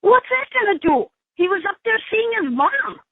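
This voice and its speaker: A woman comes through a prison phone line, high-pitched and tinny, snapping back with blunt, cursing answers. The line is narrow and thin, and her voice sounds dry and close. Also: very animated, moderate pace, dry recording. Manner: blunt, angry, swearing. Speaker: inmate's sister on a call.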